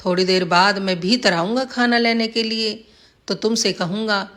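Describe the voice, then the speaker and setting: A woman's voice: medium pitch, fairly even intonation, normal speed, fairly bright tone. Woman reading a village folk tale. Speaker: storyteller. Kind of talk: scripted story narration.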